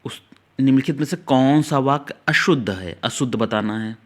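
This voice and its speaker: Male teacher, mid-pitched, exam-prep grammar lesson, talks straight to the students, drags out key words for them to copy. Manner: explains step by step, repeats key words slowly; talks directly to students, urging them to note things down.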